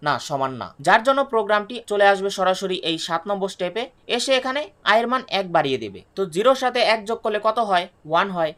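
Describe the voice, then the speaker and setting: A woman teaching a programming lesson, explaining each step, then asking and answering her own questions. She reads English definitions slowly and restates them in Bengali. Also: medium pitch, fairly bright tone. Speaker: programming tutor. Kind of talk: screen-recorded coding lesson.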